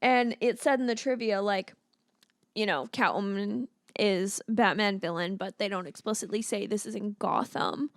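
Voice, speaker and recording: A woman's voice: medium pitch, moderate pace, dry recording, studio quality. A woman co-hosting a movie review podcast in casual, opinionated chat, swearing casually. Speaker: podcast co-host.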